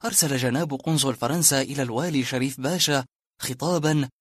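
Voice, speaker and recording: A man reading a historical novel as an audiobook narrator, with steady, measured storytelling. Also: medium pitch, slightly rough, no room sound, clean studio sound.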